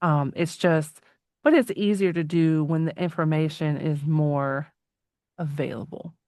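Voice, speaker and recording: A woman in her forties hosts a casual interview in a low voice. She reflects out loud and laughs easily. The sound is dry and close. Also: measured pace, dry recording. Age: 40s. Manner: thoughtful, reflective, laughs often. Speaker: podcast host.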